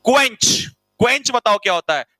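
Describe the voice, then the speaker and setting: In a Hindi classroom vocabulary lesson, a man with a very high, bright, forceful voice speaks at normal speed with lots of expression. He jokes around and teases his students, calling them beta and bhai, and repeats every meaning so they can write it down. The recording is dry with no room sound, but the audio quality is poor.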